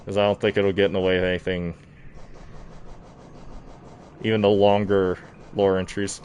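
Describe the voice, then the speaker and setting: A man's voice: low-pitched, little pitch movement, moderate pace, a little mellow. A man livestreaming a game in casual chat, projecting his voice through a face mask. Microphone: distant microphone, talking through a mask. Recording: noisy, mic set far away.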